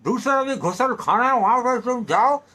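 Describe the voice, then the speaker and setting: A man voicing an angry father who has been disturbed in the morning and loudly scolds and threatens a boy. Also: extremely high pitch, lively intonation, normal speed, voice pushed up, exaggerated voice. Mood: furious scolding. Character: furious middle-aged father woken up, yelling threats.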